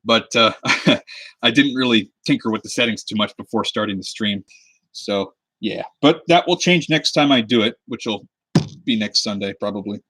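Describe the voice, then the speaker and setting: Working on a cosplay prop at his desk under a lamp, a man in his 20s from the US Pacific Northwest rambles easily to his livestream audience. He has a lowish, husky, fairly bright voice and speaks at a moderate pace, recorded by his webcam mic without any room sound.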